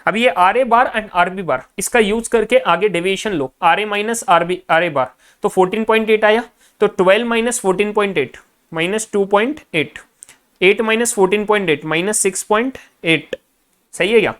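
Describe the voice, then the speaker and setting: A man's voice: high-pitched, moderate pace, a bit bright. A male finance lecturer in a recorded class, adding up figures aloud half to himself and coaching students directly.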